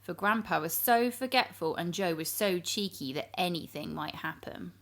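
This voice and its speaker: Reading a storybook to young children, a woman speaks in an animated, expressive way and talks directly to her listeners. Her voice is lowish and her pace normal.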